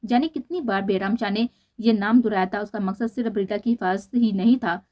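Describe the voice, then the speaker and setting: A woman reading a romance novel aloud in an even storytelling manner. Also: medium pitch, a little fast. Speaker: narrator.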